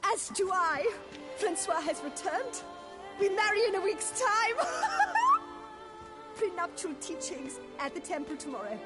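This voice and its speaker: A woman's voice: very high-pitched, big pitch swings, takes it slowly, exaggerated voice. A woman playing a delighted, bubbly young bride-to-be in a fantasy video game. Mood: overjoyed. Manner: bubbly, gushing. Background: loud game music.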